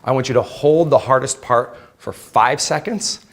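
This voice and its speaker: A man's voice: mid-range voice, moderate pace. Informal male fitness instructor explaining. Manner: informal, checks in with participants. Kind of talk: live exercise demonstration, explanatory and conversational. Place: indoor aerobics room with exercise bikes. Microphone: worn clip-on or headset mic.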